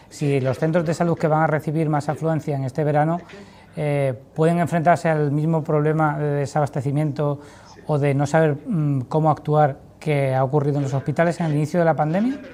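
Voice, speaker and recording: A woman with a dark, mellow voice works as a TV interviewer. She puts long questions in a formal, wordy way. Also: sits low.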